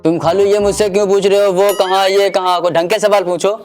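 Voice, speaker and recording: A man plays a cheeky schoolboy in a comedy sketch who answers back without respect. His voice sits fairly high. Faint music runs underneath. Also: little pitch movement, fairly quick, natural voice.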